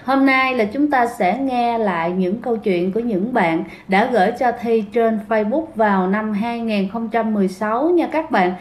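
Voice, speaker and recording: A woman's voice: on the high side, moderate pace, hardly any pauses, roomy sound. A woman narrating ghost stories in a chatty way, often speaking straight to her listeners. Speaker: storyteller host. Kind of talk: casual ghost story narration.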